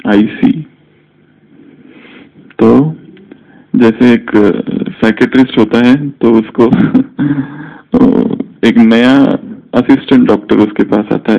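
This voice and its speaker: A man giving a spiritual discourse to a group, teaching in a slow, measured way and mixing in English words. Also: mid-range voice, creaky. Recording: dull lo-fi recording.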